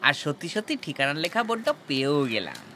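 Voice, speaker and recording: A man's voice: on the high side, wildly swooping pitch, quick pace, music in the background. An actor playing a naive, earnest village man from rural Bengal who is lost in the city, in a comic film. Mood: recounting. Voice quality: rustic, earnest, wide-eyed manner. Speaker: villager newly arrived in the city.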